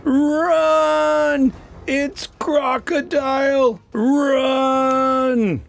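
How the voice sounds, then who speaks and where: A woman voicing a blustering, cowardly pirate captain who shouts theatrically in a children's storybook. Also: sits high, steady tone, very slow, heavily acted. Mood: panicked.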